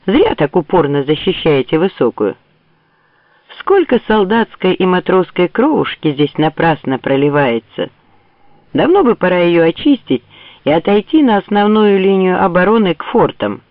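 A man's voice: sits high, sing-song, normal speed, no room sound, pitched above the performer's own voice. A man voicing a grumbling, sarcastic old general in a mocking way. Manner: sneering, mocking. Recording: tinny phone-like dry audio.

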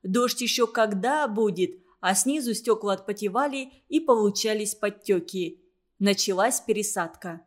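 A woman narrating a children's story in an even, measured reading voice. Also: mid-range voice.

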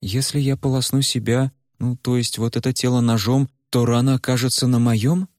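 A man voicing a frantic young woman trapped in a withered old body, pleading in a high, strained voice. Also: little pitch movement, normal speed, a little mellow, dry recording, studio quality, natural voice. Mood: scheming. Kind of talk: audiobook character voice.

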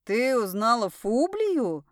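A woman's voice: fairly high pitch, lively intonation, unhurried, clear, resonant tone, no room sound, clean studio sound. A woman reading an audiobook voices a cocky young man who drawls his lines with irony. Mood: amused. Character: young handsome man, smug and teasing.

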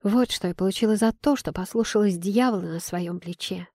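A woman narrating a first-person novel in an even, storytelling way. Her voice sits in a middle range and is recorded dry and close, with no room sound. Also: medium pitch, fairly quick, dry recording. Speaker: audiobook narrator.

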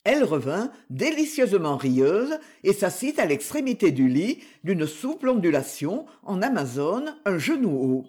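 Slow, expressive audiobook reader, husky. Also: medium pitch. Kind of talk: literary audiobook narration.

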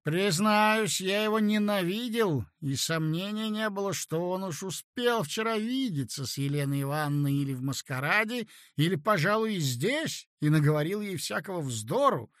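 A man with a high voice reads a classic story aloud, expressive and theatrical. The sound is dry and close, with no room echo. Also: moderate pace, hardly any pauses. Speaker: narrator. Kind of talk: audiobook reading of a classic story.

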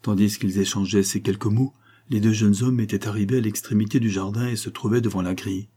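A man narrating a classic adventure novel as an audiobook, measured and dramatic. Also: fairly low pitch, steady tone, warm tone, breathy edge.

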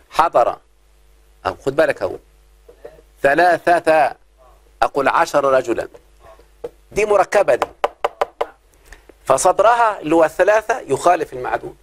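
Speaking at a medium pitch, this Egyptian man teaches Arabic grammar to a class, frequently breaking off to test his students while stretching his sample phrases long.

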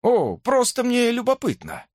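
A man's voice: very high-pitched, wildly swooping pitch, measured pace, no room sound, clean studio sound, voice pushed up, full character voice. A man voicing a shrewd older cowboy detective who coaxes with a raised, overly friendly tone. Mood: coaxing.

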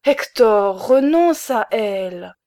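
A woman's voice: fairly high pitch, lively intonation, slow pace, dark tone, pitched above the performer's own voice. A woman reading the part of an emotional middle-aged baroness who pleads urgently with her husband. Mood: imploring.

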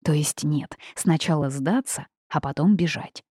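A woman's voice: low-pitched, dark tone, breathy edge, no room sound, studio quality. Woman reading as a feisty young witch. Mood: flustered. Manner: quick-tempered, indignant outbursts. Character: feisty young witch, hot-tempered and blunt.

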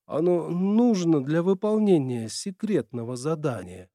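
A man's voice: a little high, expressive, measured pace, warm tone, no room sound, clean studio sound, pitched above the performer's own voice. A man voicing an earnest, secretive teenage boy in an audiobook, explaining himself in a guilty, sincere way.

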